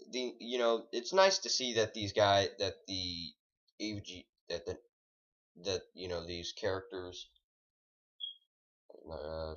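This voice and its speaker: Man, very low voice, home vlog reviewer, rambles and restarts a lot, dull lo-fi camera sound. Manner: rambling and excitable, many restarts. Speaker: video reviewer. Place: at home indoors. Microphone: camera set down nearby.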